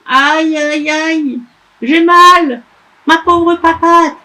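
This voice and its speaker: A woman's voice: extremely slow, sharp tone, heavily acted, rough recording. A woman voicing a small, needy boy elf who whimpers and pleads in a storybook reading. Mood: whimpering. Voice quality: squeaky whimpering.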